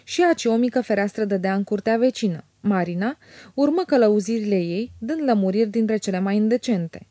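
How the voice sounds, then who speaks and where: A woman narrating a classic novel as an audiobook in a measured, even way. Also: mid-range voice, no room sound, studio quality.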